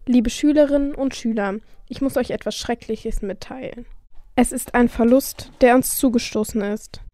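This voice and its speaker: A dutiful, polite schoolteacher in an amateur audio drama, acted by a woman. The voice is fairly high and the recording is dry. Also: normal speed, dark tone, dry recording, close to an everyday voice. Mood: solemn. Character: concerned, hesitant female schoolteacher, dutiful and polite.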